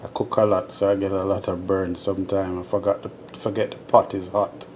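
A Jamaican man hosting a casual home cooking vlog, talking viewers through each step in his kitchen with a relaxed manner. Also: low voice, a little fast, a little hiss or hum. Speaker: home cooking show host. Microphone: phone camera held over the stove. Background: pots boiling and sizzling.

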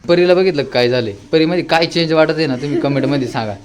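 A young man filming a casual family vlog, loud and teasing, talking straight to his viewers. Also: on the high side, fast, a crowd in the background. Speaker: vlogger.

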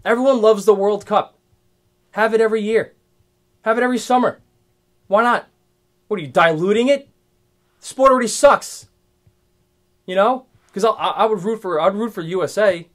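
A man's voice: high voice, a little fast, long pauses. A man in his twenties hosting his own podcast, ranting casually alone, swearing often and rambling with many restarts. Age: 20s. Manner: profane, rambling, restarts a lot. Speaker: podcast host. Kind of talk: casual solo rant.

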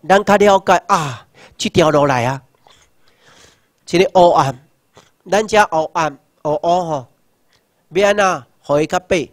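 A Taiwanese man in his sixties gives a rousing political lecture. He asks rhetorical questions and shouts slogans. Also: high-pitched, no echo, studio quality. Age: 60s. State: numb hands and feet. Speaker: seminar lecturer.

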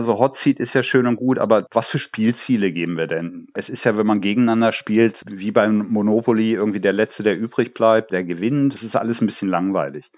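A man's voice: lowish voice, dry recording. A man, a game developer being interviewed, telling stories about his work with light laughs now and then. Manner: talkative, recounts anecdotes with light laughs. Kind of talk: interview answers, relaxed storytelling. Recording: dull phone-like line.

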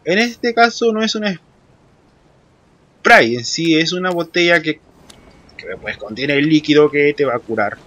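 Brief: male horror gamer, high-pitched, cursing, screams when spooked. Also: expressive, a little slow, long pauses, fairly bright tone. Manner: swears a lot, shrieks in panic when scared. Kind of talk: horror let's play commentary.

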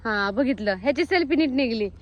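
A woman's voice: a little high, expressive, a little fast, lo-fi sound, slight background noise. A young woman with a rural Marathi accent, chatting as she films her farm vlog outdoors on a handheld phone, calling out to animals and family. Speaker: vlogger.

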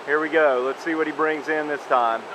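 A man's voice: fairly high pitch, steady tone. A man filming and jokingly narrating a fishing trip by a river, in a playful mock-TV style, recorded on a handheld camera. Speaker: cameraman and host of a home fishing video. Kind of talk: casual outdoor commentary. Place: outdoors by a river. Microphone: handheld camera mic. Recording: outdoor camera audio with clear river noise. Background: rushing stream water.

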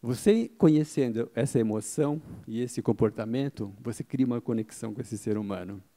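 A middle-aged man talks fairly quickly in a dark, medium-pitched voice. He's presenting a marketing talk at a conference, handheld mic in hand, before an audience seated in an event hall. His style is explanatory: he raises questions, answers them himself, and keeps checking in with "tá?"

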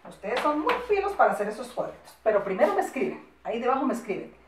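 A woman with a Colombian accent teaching a first-grade class, speaking affectionately with lots of diminutives and slowing down to dictate word by word. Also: a little high, big pitch swings, far from the mic. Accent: Colombian Spanish. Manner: affectionate, singsong teacher talk with diminutives, slow spelled-out dictation. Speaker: primary school teacher. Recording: echoey room, voice set back from the mic.

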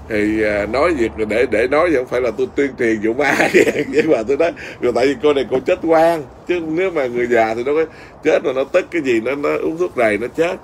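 A middle-aged Buddhist monk with a Southern Vietnamese accent, telling a story in an easy conversational way. He rambles, restarts and fills pauses as he goes, at an ordinary pitch for a man. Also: slight background noise. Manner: rambling, with many fillers and restarts.

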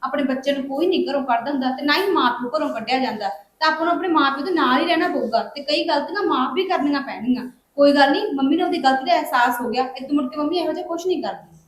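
An actress playing a gentle young wife calming her family, with a Punjabi accent. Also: sits high, fast, few pauses, reverberant, lightly acted. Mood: soothing. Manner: soothing, peacemaking. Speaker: daughter-in-law. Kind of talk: Punjabi short film acting.

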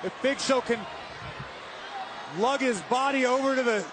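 High-voiced, emphatic male wrestling commentator. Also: unhurried. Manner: dramatic, emphatic, hyperbolic. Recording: loud crowd and arena noise.

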